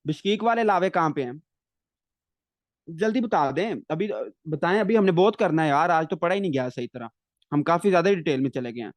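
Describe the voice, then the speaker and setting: High-voiced man drilling students in a lecture. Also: no echo. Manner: repeats questions and answers them himself, drilling students; stretches key English terms slowly. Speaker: medical lecturer. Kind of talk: live online lecture with question-and-answer drilling.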